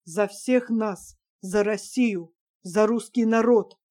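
A woman's voice: on the high side, moderate pace, a little mellow, close to an everyday voice. A woman voicing a stern male lieutenant colonel who speaks in a clipped, formal way. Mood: solemn.

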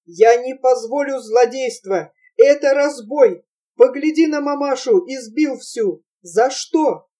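A woman's voice: takes it slowly, hardly any pauses, mellow. Woman voicing a desperate young son, voice breaking. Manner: pleading, shrill, breaking childish voice.

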